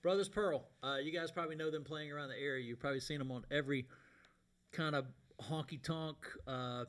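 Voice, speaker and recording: A man's voice: fairly high pitch, a little fast, a bit bright. A man hosting a live music show with casual, folksy, colloquial chat, heard in an echoey warehouse. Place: warehouse space. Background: guitar playing.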